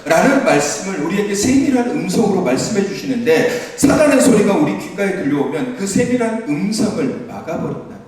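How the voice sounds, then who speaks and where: High-voiced pastor in an echoing church. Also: male voice, very animated, brisk, hardly any pauses, darkish tone. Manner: earnest, exhorting, with light laughs. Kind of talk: sermon. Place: church sanctuary. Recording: echoey church hall from far off.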